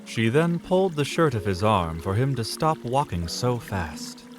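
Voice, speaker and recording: With music playing under his voice, a man narrates a fantasy audio drama in a scripted, dramatic storytelling style. His mid-range voice is sing-song and unhurried.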